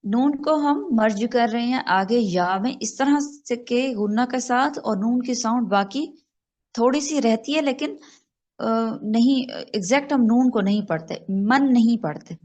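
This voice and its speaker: A woman teaching an online Quran recitation class, explaining rules patiently and slowly spelling out examples over a video call. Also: on the high side, a little mellow, lo-fi sound.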